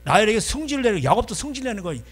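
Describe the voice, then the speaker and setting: A male pastor preaching a sermon in a church, folksy and animated, constantly prompting the congregation. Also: high voice, very fast, slightly rough.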